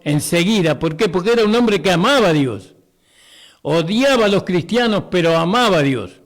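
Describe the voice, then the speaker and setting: A man preaching a radio sermon, slow and emphatic, breaking off often to ask his listeners short rhetorical questions. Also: high-pitched.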